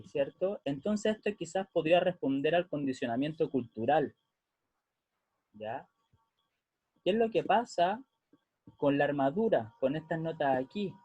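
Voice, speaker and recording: A man's voice: on the high side, dark tone, slightly rough, no echo. A man explaining music theory patiently in a lesson, often checking that the listeners follow. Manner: patient, checks understanding with frequent "¿ya?". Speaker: music teacher.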